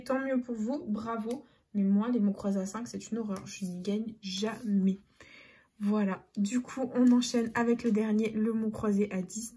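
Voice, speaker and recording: A woman narrates scratch cards in a casual vlog, chatty and spelling out letters one by one, often slipping into soft half-whispers. Her voice sits slightly high, with a husky, breathy texture and a mellow, dark tone. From France. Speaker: YouTuber scratching lottery tickets.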